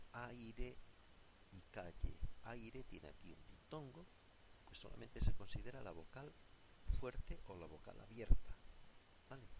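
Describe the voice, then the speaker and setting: A man's voice: sits low, creaky. A man teaching a recorded lesson, explaining a worksheet patiently and often checking in with his pupils. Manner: patient, often asks "¿de acuerdo?". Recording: loud background noise with clicks.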